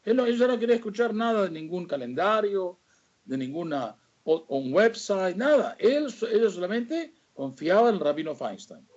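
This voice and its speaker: Un rabino dando un sermón, hablando directo a los oyentes con énfasis retórico y frenando en las palabras clave. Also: male voice, sits high, very animated, moderate pace, darkish tone, muffled recording. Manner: rhetorical, addresses listeners directly. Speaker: rabbi. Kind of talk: sermon on the weekly Torah portion.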